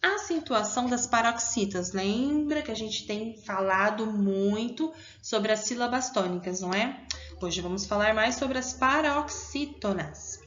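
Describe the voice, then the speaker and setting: Brazilian woman, primary teacher, patient and encouraging with small pupils; slightly high voice, muffled home recording. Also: a little slow, a bit bright. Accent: Brazilian Portuguese. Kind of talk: recorded online class.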